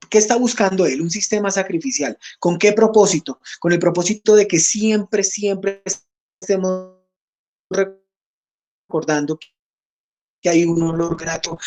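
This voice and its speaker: A man's voice: high-pitched, a little mellow. A man teaching an online Bible study class, reading scripture aloud and checking in with his listeners.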